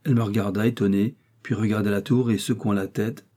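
Guy reading an old novel out loud, kinda husky, lowish voice, slow steady audiobook narration. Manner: measured, even reading of nineteenth-century prose. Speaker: audiobook reader.

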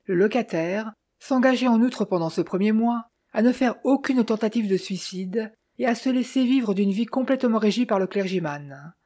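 Steady, mellow-toned woman narrator for a literary audiobook. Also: a little high, moderate pace, few pauses. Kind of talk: scripted narration of a short story.

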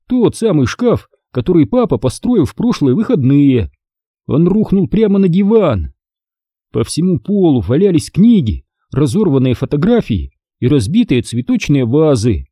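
A man narrates a storybook aloud in a lively, expressive reading. His voice is warm and dark, a little husky, and moves freely up and down. The sound is dry and close. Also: medium pitch, no echo. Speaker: audiobook narrator.

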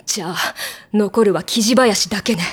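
女性声優が演じる、思い込みが激しく強引な十代の女子部長。厳かな語りと大げさな叫びを行き来するアニメの芝居。. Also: female voice, medium pitch, moderate pace, husky, distant mic, close to an everyday voice. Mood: suspicious, insistent. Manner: solemn intoning that breaks into loud, indignant outbursts. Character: bossy, excitable teenage girl club president, obsessed with telepathy. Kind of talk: anime voice acting.

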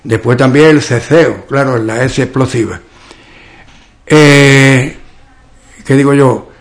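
A man with a western Andalusian accent speaks at an unhurried, deliberate pace, in a pitch neither high nor low. He explains things patiently and often stops to reach for an example. He sounds like a local expert answering an interviewer's questions. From Ubrique, Andalusia, Spain. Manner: slow and explanatory, often pauses with "¿qué digo yo?". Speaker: author and local dialect expert.

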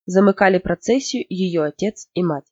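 Expressive audiobook narrator, dull recording. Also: mid-range voice, moderate pace, no echo. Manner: expressive storytelling, lifting for emotional moments. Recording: dull lo-fi, dry.

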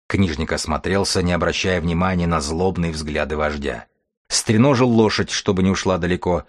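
A man narrating an audiobook in a steady, grim storytelling manner. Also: sits low, no echo, clean studio sound. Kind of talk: scripted narration.

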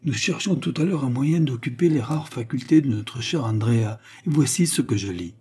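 A man's voice: mid-range voice, lively intonation, moderate pace, mellow, slightly rough, voice pushed up. A man voicing an earnest, resolute nobleman who exhorts his brother, in an audiobook reading.

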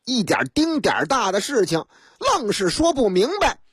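A radio storyteller, telling a story in a lively, theatrical way. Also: mid-range voice, normal speed, breathy edge, no echo, clean studio sound.

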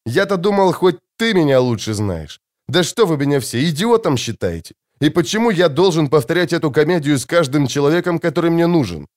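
A man's voice: fairly high pitch, expressive, brisk, hardly any pauses, pitched above the performer's own voice, natural voice. A man reading the part of a stern, weary young noble heir who talks in an impatient grumble. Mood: irritated.

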